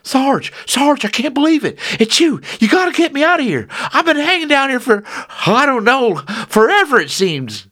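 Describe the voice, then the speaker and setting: A meek young toy soldier, voiced by a man, pleads and thanks in a raised, husky voice. His words come halting and eager. The tone swings up and down a lot. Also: very high voice, big pitch swings, bright, forceful tone, voice pushed up, heavily acted. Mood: desperate.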